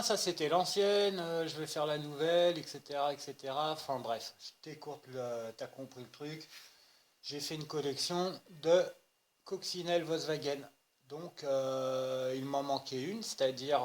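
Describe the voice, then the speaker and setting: A man hosting an unboxing video, chatting casually and jokingly straight to his viewers. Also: on the high side. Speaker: RC hobby channel host. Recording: noisy home recording.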